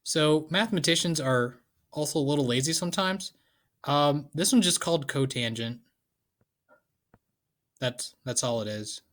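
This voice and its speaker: A man's voice: on the high side, expressive, moderate pace, long pauses, a bit bright. A man teaching a math lesson in a casual, playful way with joking asides. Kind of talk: casual lecture.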